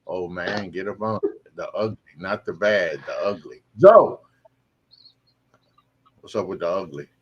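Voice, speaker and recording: A man's voice: low voice, normal speed, hardly any pauses, fairly bright tone, lo-fi sound, a little hiss or hum. A man hosting a casual sports podcast, laid-back as he passes the floor to others.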